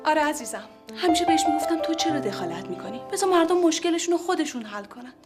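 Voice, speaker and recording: An actress playing a jealous, sarcastic ex-wife who mutters bitter remarks. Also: female voice, high voice, expressive, over loud music.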